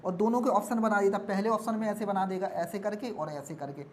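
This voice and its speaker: A woman's voice: medium pitch, a little fast, a little mellow, a little hiss or hum. A woman teaching exam reasoning on a board, repeating each step and often asking if it is understood. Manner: repeats steps, checks understanding with questions. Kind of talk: explaining on a board.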